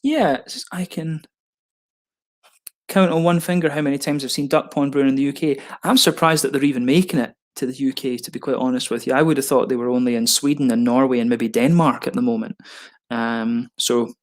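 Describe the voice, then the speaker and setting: A man's voice: mid-range voice, steady tone, a little fast. Chatty man unboxing beers. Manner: chatty and rambling, with frequent ums. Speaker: beer reviewer. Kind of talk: casual unboxing commentary.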